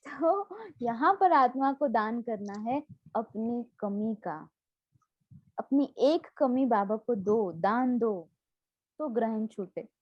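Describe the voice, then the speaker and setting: A woman's voice: a little high, animated, takes it slowly, no echo, highs cut off. A woman spiritual teacher giving a devotional class, explaining with homely examples and asking her listeners questions.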